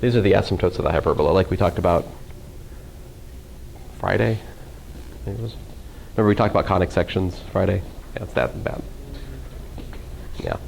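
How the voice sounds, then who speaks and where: A man's voice: sits low, moderate pace, creaky, long pauses, darkish tone, a little hiss or hum, low-quality recording. A man teaching a college calculus class in a casual lecture style, with dry sarcastic humor and questions tossed to the students. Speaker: math professor.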